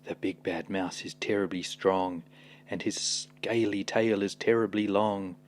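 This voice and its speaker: A man voicing a big monster father from a storybook, gravely warning his child. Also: deep voice, little pitch movement, measured pace. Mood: ominous.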